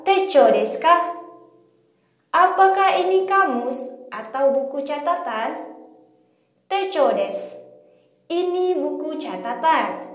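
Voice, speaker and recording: Slow, high-voiced woman teaching a language. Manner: reads example sentences, then translates each one. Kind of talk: recorded language lesson. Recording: echoey room.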